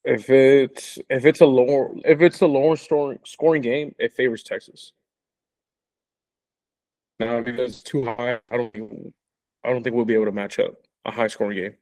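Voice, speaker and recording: A man's voice: medium pitch, fairly even intonation, normal speed, darkish tone. A man chats casually about college football as a podcast co-host. He stumbles through restarts and repeated words and often breaks into laughter. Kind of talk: casual sports chat.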